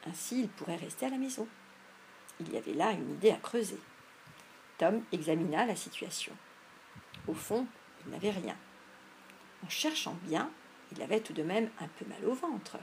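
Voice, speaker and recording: A woman's voice: medium pitch, slight background noise. Woman reading a storybook aloud. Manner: measured, expressive storytelling. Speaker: narrator. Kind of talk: audiobook reading.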